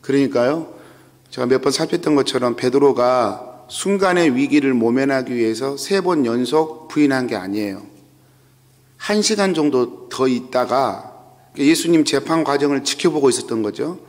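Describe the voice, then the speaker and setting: A man's voice: mid-range voice, lively intonation, normal speed. A man, the pastor, giving a dawn sermon, retelling the scripture scene step by step and repeating key phrases for emphasis. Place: church sanctuary. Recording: long reverb of a church hall.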